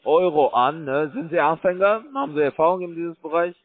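A man at a scam call center cold-calls someone with a brisk sales pitch. His grammar is broken and he uses hesitant fillers, and the tinny phone line carries no echo.

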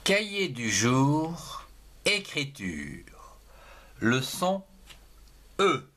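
A man giving a slow handwriting lesson for young children, spelling words letter by letter and syllable by syllable. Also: on the high side, big pitch swings, fairly bright tone. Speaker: teacher.

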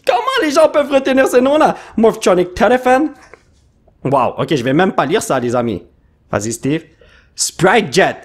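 A man gives casual unboxing commentary. His pitch swings widely as he reads out card names and breaks into excited English exclamations. The tone stays chatty and lively throughout. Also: normal speed. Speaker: YouTuber opening cards.

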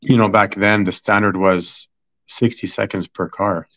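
A man's voice: fairly low pitch, fairly even intonation, measured pace, a bit bright. A middle-aged man talking casually as an interview guest about his family's restaurant, rambling with many fillers and restarts. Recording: dull lo-fi sound.

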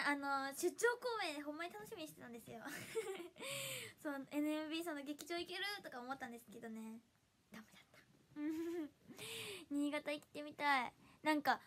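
A young idol livestreamer from Hiroshima, Japan, chats casually with viewers in a Hiroshima accent, reading their comments. She is giggly and bubbly, laughing often, with a high, slightly bright voice. There is a little background noise.

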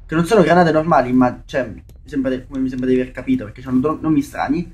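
A man's voice: mid-range voice, quick pace, darkish tone. A young man, commentating a shooter game, swearing and talking to his viewers. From Italy. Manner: swearing, jumpy, talks to viewers as "raga". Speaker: gaming YouTuber. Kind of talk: let's play commentary. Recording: faint game noise and gunfire behind.

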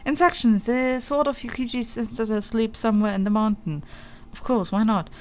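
Over loud game music, a gaming video host talks at a moderate pace, her voice pitched on the high side. Casual and exasperated, she swears and banters with the game while narrating her let's play and reading the on-screen text out loud.

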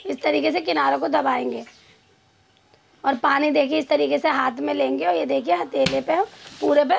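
A woman's voice: sits high, fairly even intonation, moderate pace, vocal fry. A woman hosting a cooking channel, giving a home cooking demonstration and explaining each step over and over while she kneads the dough. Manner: repetitive, instructive, talks while kneading dough. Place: home kitchen with a clay stove.

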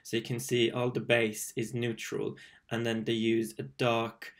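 A man's voice: medium pitch, little pitch movement, unhurried, creaky. A young man, an interior designer, giving rambling, enthusiastic reaction commentary on a home tour from a small room. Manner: rambling, enthusiastic, many fillers and restarts.

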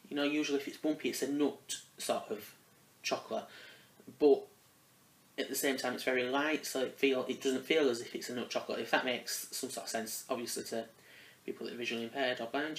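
A man chats his way through a casual review, hesitating and circling back over his own phrases. His voice sits at a middling pitch. The room around him rings with a noticeable echo. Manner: rambling and hesitant, often restarting phrases. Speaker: product reviewer. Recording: roomy echo.

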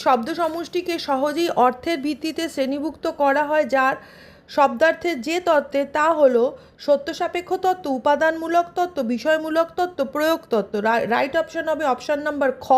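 A woman's voice: high voice, normal speed. A woman teacher with a Bengali accent from West Bengal, reading out multiple-choice questions and their options, then giving the right answer. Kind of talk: exam revision lesson.

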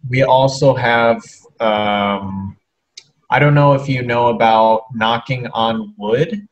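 A man's voice: mid-range voice, fairly even intonation, slow pace, reverberant, highs cut off. A man from the United States with an American accent, chatting casually and repeating words as he explains. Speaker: English teacher as podcast co-host. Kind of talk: casual chat.

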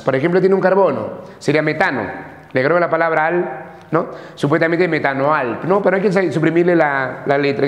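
A man's voice: on the high side, dull audio. A man with a somewhat raised voice teaches a chemistry lesson in a classroom that rings with long reverb. He speaks to the students the whole time, repeating each term and checking with short questions that they follow. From Peru. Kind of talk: classroom lecture.

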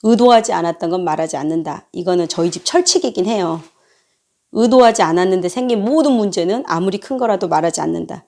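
A woman's voice: on the low side, expressive, fast, creaky, dark tone. A middle-aged woman and mother hosting a parenting talk, sharing a family story in a candid, earnest way. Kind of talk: casual talk.

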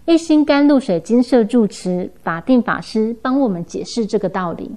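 A woman news reporter giving scripted news narration in a steady, even delivery. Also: fairly high pitch, normal speed.

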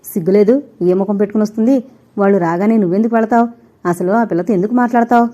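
A woman's voice: mid-range voice, steady tone, quick pace, warm tone, close to an everyday voice. A woman doing a spiteful scolding mother-in-law. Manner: scolding, snapping. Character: bitter scolding older mother-in-law, spiteful and quick to snap.

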